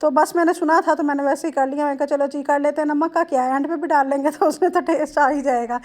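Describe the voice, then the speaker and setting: A woman in her thirties from Lahore with a Lahori accent, chatting homely and warm-toned through a cooking vlog voice-over, addressing viewers directly. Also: sits high, fairly even intonation, fast talker. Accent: Lahori Punjabi-tinged Urdu. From Lahore, Pakistan. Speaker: home cooking vlogger.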